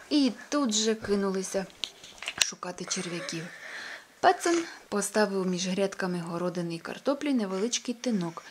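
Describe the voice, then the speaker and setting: A woman narrating a children's audiobook, with a hushed, breathy delivery. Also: medium pitch, a little hiss or hum. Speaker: storyteller.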